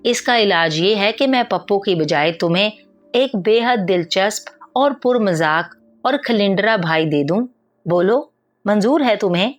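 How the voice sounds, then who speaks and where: A woman voicing a wise old male healer and magician who speaks in a measured, lecturing way. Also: medium pitch, expressive, natural voice. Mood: calm advising.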